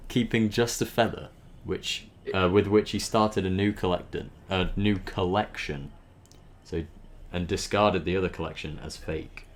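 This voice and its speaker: Reading a story's backstory aloud as the host, a man with a low, steady, unhurried voice gives an informal dramatic performance. Now and then he trips over words and stops to add chatty comments.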